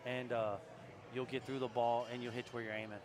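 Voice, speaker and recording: A man's voice: medium pitch, level tone, a little fast. A man in his forties commentating live pool, giving tips to amateur players in a coaching tone. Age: 40s.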